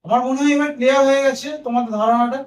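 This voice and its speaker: A man with a very high voice teaches grammar patiently, spelling each word out letter by letter. He sounds set back from the mic, and his voice rings in an echoey room. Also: steady tone, very fast, distant mic. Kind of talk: explaining grammar to students.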